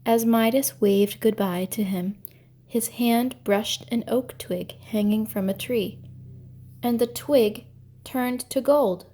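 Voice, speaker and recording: A woman's voice: a little high, slow pace, dark tone. A woman storyteller narrating an ancient myth from a script, with grave, dramatic delivery.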